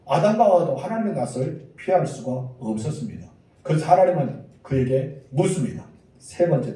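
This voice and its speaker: A male pastor preaching a Sunday sermon, leading the congregation in reading aloud and breaking into sudden loud calls. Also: on the high side. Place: church sanctuary. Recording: echoey church hall, mic at a distance.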